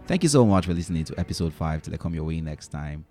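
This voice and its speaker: A man's voice: a bass voice, expressive, quick pace, dark tone, soft background music. A man hosting a solo podcast, talking earnestly and giving advice, often checking in with "right?" and "you know". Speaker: podcast host.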